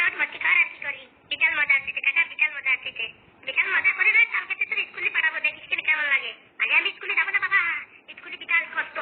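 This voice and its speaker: A woman voicing bickering cartoon villagers in a cartoon, with a rapid, scolding, rustic way of talking. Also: high-pitched. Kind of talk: Bengali cartoon dialogue. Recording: tinny phone-band audio.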